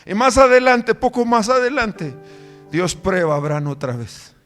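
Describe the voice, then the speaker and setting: A man pastor preaching a sermon with fervent rhetorical questions, swinging between loud emphatic lines and quiet low ones. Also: sing-song, normal speed, soft background music.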